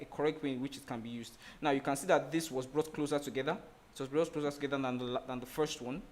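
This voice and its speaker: A man teaching graphic design in a screen-share tutorial, explaining slowly with many restarts and "like" fillers. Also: mid-range voice, slight background noise. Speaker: design instructor.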